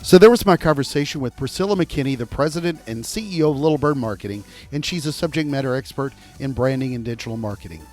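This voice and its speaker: A man hosting a podcast, asking playful this-or-that questions and then giving a measured recap of advice. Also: mid-range voice, lively intonation, a little mellow, soft background music. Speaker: podcast host. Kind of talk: casual interview and scripted recap.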